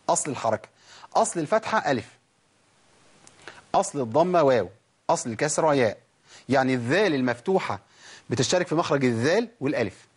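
A man with an Egyptian Arabic accent teaching a tajweed lesson, who asks questions, answers them himself, and drags out letter sounds slowly to demonstrate them. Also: mid-range voice, breathy edge. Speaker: Quran recitation teacher.

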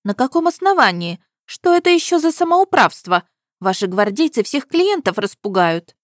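A woman's voice: mid-range voice, very animated, normal speed, no echo, clean studio sound, close to an everyday voice. A woman narrator putting on a fussy, easily offended middle-aged woman dressmaker in an audiobook. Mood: indignant. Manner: fussy, exasperated.

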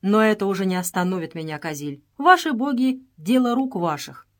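A woman's voice: medium pitch, expressive, a little fast, natural voice. Bold young englishman, firm and resolute, woman reading him in an audiobook. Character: bold young Englishman, calm commanding adventurer.

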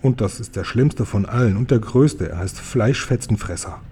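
A man voicing a kind, gentle friendly giant in a storybook audiobook, playful and full of made-up words. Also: lowish voice, moderate pace, husky. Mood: hushed, nervous.

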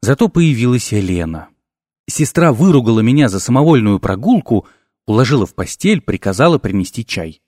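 A male audiobook narrator with a mid-range voice, reading fantasy with lively, animated swings in pitch. The recording is dry and close, with no room sound. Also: no echo. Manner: expressive, lively storytelling. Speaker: audiobook reader.

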